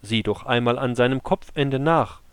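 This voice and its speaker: A man's voice: mid-range voice, moderate pace, smooth, no room sound, natural voice. A man voicing David, earnest young warrior. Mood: pleading. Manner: raised, imploring delivery. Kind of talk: scripture storytelling.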